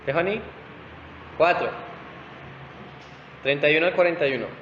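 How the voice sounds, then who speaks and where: High-voiced pastor teaching in an echoey hall. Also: male voice, normal speed, fairly bright tone, slight background noise. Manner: checks in with listeners, asking "¿Sí?". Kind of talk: Bible study teaching. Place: church hall. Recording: roomy hall echo, dull lo-fi sound.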